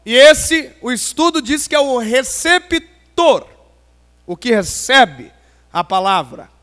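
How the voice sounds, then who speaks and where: A man preaching a pentecostal sermon, playful and storytelling, swinging from loud emphasis to quiet asides in a large church hall. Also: very high voice, lively intonation, takes it slowly. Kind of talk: pentecostal sermon with humorous stories. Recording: long hall reverb.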